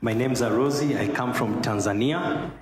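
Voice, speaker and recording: A man's voice: medium pitch, normal speed. A man interpreting a testimony in a church, in short, plain sentences. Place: large echoing church hall. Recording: very echoey hall with long reverb and noise.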